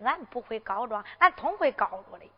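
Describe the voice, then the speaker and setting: A woman playing a bold, cheeky young village girl with a Henan accent, full of hesitant drawn-out interjections, in a Henan zhuizi storytelling performance. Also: on the high side, lively intonation, breathy edge. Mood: cheeky, coaxing. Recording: dull lo-fi recording with long reverb.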